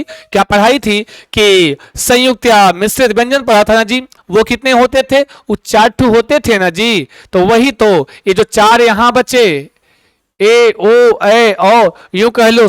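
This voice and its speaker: A male teacher giving an exam coaching lecture in a lively way, often asking his students questions. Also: very high voice, clean tone, no echo, poor audio.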